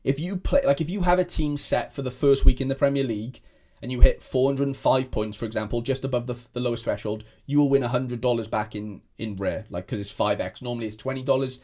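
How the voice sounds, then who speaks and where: Here a young Welsh man making fantasy football content talks to camera at a fast clip, hardly pausing, his medium-pitched voice mellow. The chat is casual and rambling, full of fillers and restarts.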